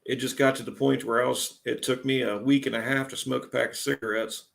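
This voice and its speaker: A man's voice: mid-range voice, steady tone, quick pace, gravelly, fairly bright tone. A man in his forties hosting a casual live stream, chatting in a laid-back way and greeting viewers as they join. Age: 40s.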